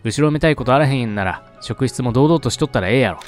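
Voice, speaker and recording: A man's voice: medium pitch, expressive, quick pace, soft background music, natural voice. A man voicing a nosy young woman detective in an attempted Kansai dialect, blunt and pushy.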